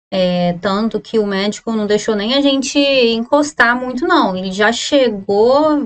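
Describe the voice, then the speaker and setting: A woman in her thirties with a Brazilian Portuguese accent, a surgeon telling a story in a casual, animated vlog style with many restarts. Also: on the high side. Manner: chatty, animated retelling with restarts.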